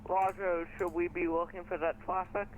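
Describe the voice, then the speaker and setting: A man's voice: high voice, level tone, normal speed. A man making brief, clipped calls as a fellow pilot, heard through a cockpit headset radio. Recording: tinny radio channel, faint noise.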